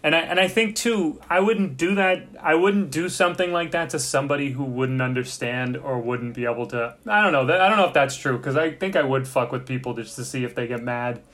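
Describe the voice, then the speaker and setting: A man's voice: medium pitch, fairly quick, hardly any pauses, fairly bright tone. A man in casual chat who rambles and swears freely while recalling a show.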